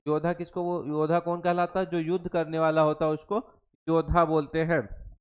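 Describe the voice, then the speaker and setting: A young male teacher runs an exam-prep Hindi lesson, mixing English terms into his Hindi. He repeats each definition several times and keeps quizzing his students. His voice is smooth and clear, pitched a little high for a man. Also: little pitch movement, brisk. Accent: Hindi with English terms mixed in. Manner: repeats each definition, asks the class questions.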